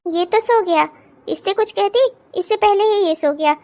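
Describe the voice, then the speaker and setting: A woman's voice: very high-pitched, normal speed, darkish tone. Woman voicing a defiant young bride in a cartoon. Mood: puzzled. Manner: blunt and defiant. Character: headstrong young bride refusing her new marriage. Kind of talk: cartoon voice acting.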